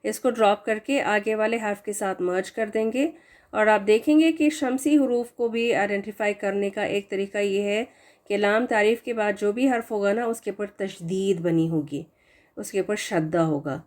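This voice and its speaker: A woman teaching a recitation lesson online. She explains each rule with fillers and English words mixed in, and she draws out the example words slowly. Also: mid-range voice, darkish tone. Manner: slow drawn-out recitation of examples; hesitant fillers while explaining.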